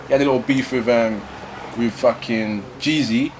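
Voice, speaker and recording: A man's voice: medium pitch, steady tone, normal speed, a little hiss or hum. A young man, hosting a casual debate chat, laid-back and slangy, swearing often. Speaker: host.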